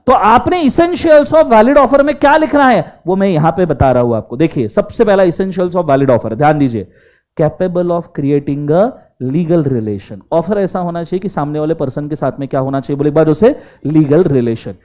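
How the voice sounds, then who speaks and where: This law teacher has a slightly high voice and keeps a moderate pace. Lively in manner, he blends Hindi with English and regularly has the class call out answers.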